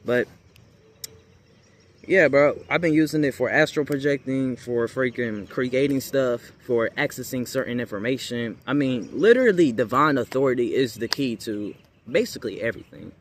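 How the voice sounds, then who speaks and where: With an animated mid-range voice at a moderate pace, a young American man delivers a casual, unscripted monologue for his spiritual videos. He's slangy and rambling, repeating himself for emphasis, with clear noise in the background.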